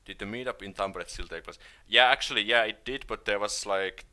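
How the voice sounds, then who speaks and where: Speaking on the low side and at a brisk clip, this Finnish-accented man from Finland chats through a laid-back live stream. He responds to viewers' questions hesitantly, often restarting and leaning on fillers.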